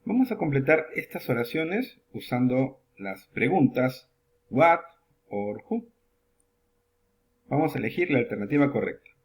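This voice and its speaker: A man teaches English in a lesson, with a voice that swings up and down a great deal as he lifts his pitch to announce each new word. He reads the example questions slowly and carefully before translating them. His pitch sits right in the middle for a man. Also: big pitch swings. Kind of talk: classroom lesson narration.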